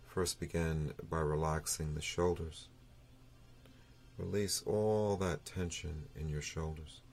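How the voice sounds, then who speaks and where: A man leading a guided breathing meditation in a soothing, unhurried manner, leaving long pauses between phrases. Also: extremely low pitch, steady tone, a little mellow. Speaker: meditation teacher.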